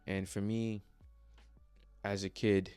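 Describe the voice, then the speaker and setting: Faint music plays behind a young vlogger from the Democratic Republic of the Congo who isn't a native English speaker. His lowish, darkish voice moves little in pitch and goes slowly, sounding clear and resonant with no echo. He's earnest and hesitant in this motivational personal vlog, with frequent fillers and restarts.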